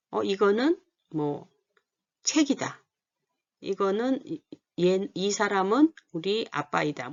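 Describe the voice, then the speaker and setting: A woman's voice: mid-range voice, a little mellow. A woman giving a lesson, explaining points and often asking the class questions, then answering them herself. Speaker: Korean language teacher. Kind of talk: explanatory lecture. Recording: dull lo-fi recording.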